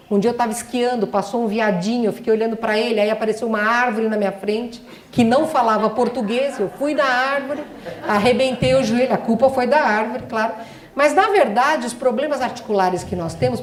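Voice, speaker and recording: A middle-aged woman with a fairly high pitch lectures emphatically on spiritual topics as a doctor. She asks her audience rhetorical questions, and the sound echoes around the hall.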